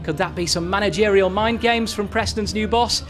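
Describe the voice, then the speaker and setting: A male sports presenter with a high, light voice and a polished, upbeat broadcast delivery. He slips easily into light banter with guests. Music plays clearly behind him. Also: normal speed.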